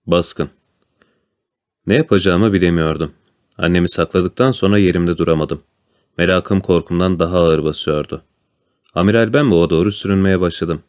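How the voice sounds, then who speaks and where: Deep-voiced man reading a storybook. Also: normal speed, pauses often, darkish tone. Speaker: narrator.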